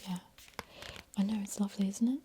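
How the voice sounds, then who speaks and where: A woman in an ASMR role-play as a sassy librarian, speaking in a breathy library soft voice. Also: medium pitch, steady tone, a little fast, background noise. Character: sassy female librarian pushing books on a visitor.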